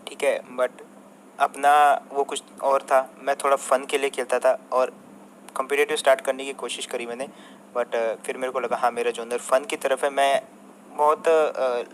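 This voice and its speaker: A man's voice: medium pitch, low-quality recording. Young man, game streamer, combative rant, constant swearing, faint background hiss. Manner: addresses the viewers and a rival by turns. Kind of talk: angry rant to viewers.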